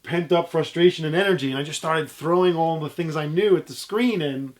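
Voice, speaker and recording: A middle-aged man with a fairly high voice tells stories as an interview guest. He speaks casually, with joking, self-deprecating asides. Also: a little fast. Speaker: interview guest, DJ and music history video maker.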